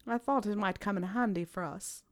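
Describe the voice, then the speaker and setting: A woman's voice: mid-range voice, normal speed, lightly acted. A woman reading aloud, voicing a smug, persuasive teenage wizard boy who teases and coaxes. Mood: smug coaxing. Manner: teasing, self-satisfied, coaxing.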